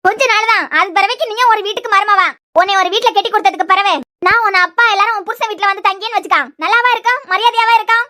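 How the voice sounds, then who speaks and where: A woman voicing a sharp-tongued, lecturing middle-aged aunt in a cartoon serial, in a Kanyakumari Tamil accent. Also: extremely high pitch, steady tone, very fast, hardly any pauses. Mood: scolding. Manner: scolding, lecturing, mocking.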